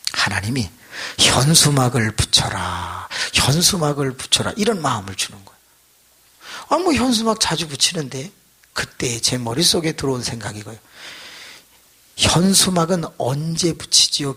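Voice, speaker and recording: Male pastor, raspy bright voice, lively storytelling sermon. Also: fairly high pitch, normal speed. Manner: animated storytelling, acts out shouting voices. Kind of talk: revival sermon.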